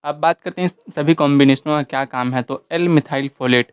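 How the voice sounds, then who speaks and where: A man giving an explanatory voice-over as host of an informational channel, listing points one after another at a steady pace. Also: fairly high pitch, normal speed, clear, resonant tone, dry recording.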